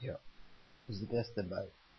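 In a lowish, steady voice, an older man gives an informal talk as a rabbi, repeating phrases for emphasis and weaving in Yiddish-style German. The dull, lo-fi recording has a little hiss or hum.

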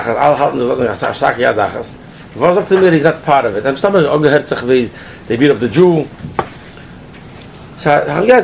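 A man telling a personal story in a casual, animated way, with many restarts and switches between languages. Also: on the high side, vocal fry, slight background noise.

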